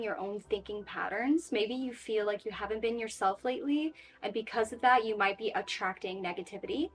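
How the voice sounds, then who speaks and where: A woman giving a casual, reassuring tarot reading in a chatty way, with frequent fillers. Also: medium pitch. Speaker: tarot reader.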